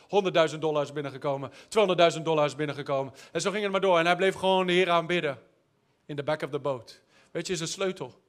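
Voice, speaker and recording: Male preacher, high voice, sermon full of anecdotes and quips. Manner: storytelling, jokey asides, repeats words when searching.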